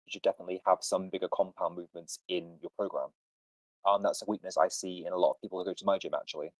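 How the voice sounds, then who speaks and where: A man's voice: sits low, a little mellow, dry recording, low-quality recording. A man hosting a casual fitness podcast, confidently explaining training ideas to a caller over a voice call. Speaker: podcast host answering fitness questions.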